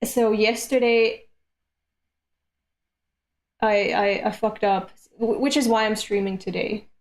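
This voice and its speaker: A woman's voice: mid-range voice, fairly even intonation, takes it slowly. A woman in her late twenties chatting casually on a live stream between comic readings, candid and self-deprecating, with casual swearing. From Europe. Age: late 20s.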